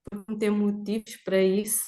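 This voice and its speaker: A woman's voice: medium pitch, monotone, fast talker, dark tone. A woman from Portugal and Verde, a guest talking cheerfully and spontaneously, rambling with many fillers. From Portugal and Cape Verde. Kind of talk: live conversation.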